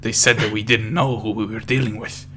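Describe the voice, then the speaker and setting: A man's voice: on the low side, fairly even intonation, a little fast, fairly bright tone, faint music behind. A young man streaming, reading a visual novel aloud with joking, profane asides over a faint hum. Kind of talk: casual game stream reading and banter.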